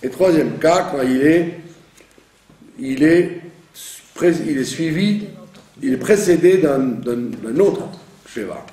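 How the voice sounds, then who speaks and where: A man's voice: on the high side, animated, takes it slowly, dark tone, slight background noise. A man teaching the reading of Hebrew prayer, patiently explaining and often checking that he has been understood. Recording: echoey room, from a distance.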